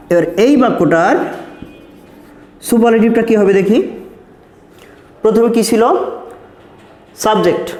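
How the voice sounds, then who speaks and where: A man's voice: sits high, a little mellow. A man from Bangladesh teaching a school grammar lesson, repeating each step and answering his own questions. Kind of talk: recorded classroom lesson explaining grammar. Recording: echoey room.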